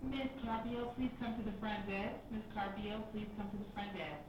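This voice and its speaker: A woman making a soft public address announcement over a loudspeaker, calmly paging people and repeating each call. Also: mid-range voice, moderate pace. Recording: echoey, distant loudspeaker with background noise.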